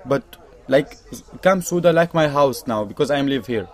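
A man's voice: medium pitch, animated, moderate pace, darkish tone. A young man from Syria with a Syrian Arabic accent, speaking earnest, emphatic broken English as a refugee giving his testimony in an interview. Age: young adult. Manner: earnest, emphatic, repeats points, non-native grammar.

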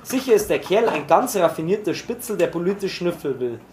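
A man's voice: sits high, sing-song, a little fast, darkish tone. A man voicing a shrewd, suspicious male friend who speaks in a knowing, warning tone, in a roomy, echoey recording.

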